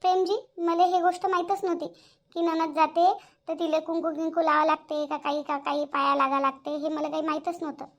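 A very high-pitched young daughter-in-law. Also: female voice, little pitch movement, fairly quick. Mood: explaining. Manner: pleading, earnest. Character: young daughter-in-law, polite but standing her ground. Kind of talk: cartoon voice acting.

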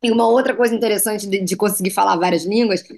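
A Brazilian woman with a Brazilian Portuguese accent, a fashion designer telling lively anecdotes as a guest in a TV interview. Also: medium pitch, fast talker. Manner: lively anecdotes, slips into foreign phrases. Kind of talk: TV interview storytelling.

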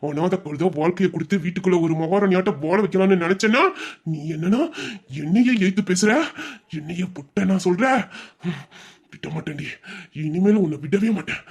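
A man voicing a cruel young male tormentor in an audio story, taunting with slow, drawn-out threats. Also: high-pitched, darkish tone, husky, pitched below the performer's own voice. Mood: menacing.

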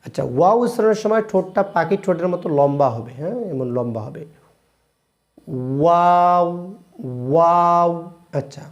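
A man teaching Quran recitation, chanting verses slowly and drawn out, then explaining the pronunciation in plain speech with a Bangladeshi Bengali accent. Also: fairly high pitch, expressive, a little mellow, highs cut off. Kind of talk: slow drilled recitation lesson.

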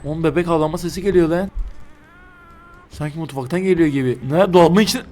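A man's voice: on the high side, fast talker, a little mellow. A young man from Turkey doing let's play commentary, joking crudely and shrieking when startled. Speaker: gaming YouTuber.

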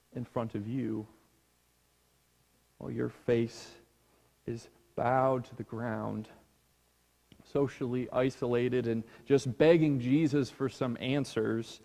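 A man preaching a sermon as a pastor, slow and hushed, sinking almost to a whisper on key words. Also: medium pitch, fairly even intonation, creaky, big-room sound. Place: church sanctuary.

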